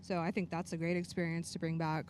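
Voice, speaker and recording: A woman's voice: lowish voice, flat delivery, fast talker, darkish tone, smooth. A woman engineer and navigator explaining shock parts casually, laughing, partly with food in her mouth. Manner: casual, laughs, talks while eating, explains plainly. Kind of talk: casual interview answers.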